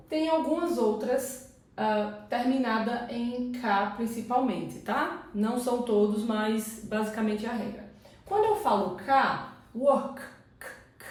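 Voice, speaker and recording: A woman's voice: a little high, darkish tone, far from the mic. A woman with a Brazilian Portuguese accent, an English teacher explaining pronunciation and asking rhetorical questions. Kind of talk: pronunciation lesson. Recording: very echoey room, voice away from the mic.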